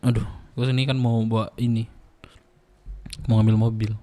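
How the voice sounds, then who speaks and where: A man's voice: mid-range voice, flat delivery, moderate pace, mellow, slight background noise. A young man streaming a game roleplay, chatting casually in slang and laughing often.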